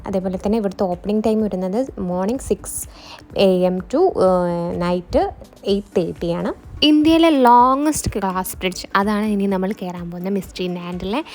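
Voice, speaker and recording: A woman's voice: medium pitch, darkish tone. A Malayali woman narrating a travel vlog casually, mixing English words into her Malayalam. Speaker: travel vlogger. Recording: music behind the voice. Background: music.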